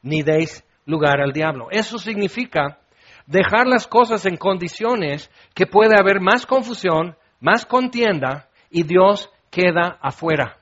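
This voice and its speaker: A middle-aged man preaching a sermon, animated and dramatic, acting out little scenes as he talks. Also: high-pitched, unhurried, lo-fi sound. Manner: animated, acts out scenes with shouts and laughs. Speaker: pastor.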